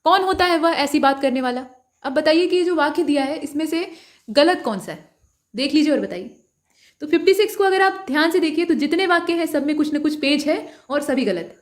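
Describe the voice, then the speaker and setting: High-voiced woman teaching an exam lesson. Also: expressive, a little fast. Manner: explanatory, step-by-step, asks students to answer.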